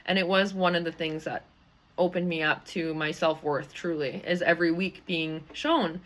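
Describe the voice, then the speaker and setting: A woman's voice: lowish voice, steady tone, normal speed, fairly bright tone. A young adult woman hosting a live stream to her community, talking casually, bubbly and rambling, with frequent laughs and fillers.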